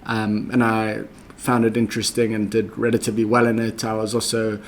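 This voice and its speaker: Speaking with a South African accent, this young adult guest describes how his career unfolded, steadily and methodically, with lots of ums along the way. His voice runs low and completely flat, and there's a little hiss or hum on the recording.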